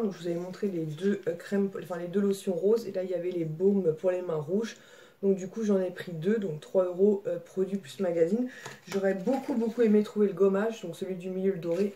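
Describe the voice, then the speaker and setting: A woman's voice: mid-range voice, dark tone. A woman, chatting casually in a haul vlog at home, with many fillers and a scratchy throat. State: slight throat irritation. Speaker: vlogger.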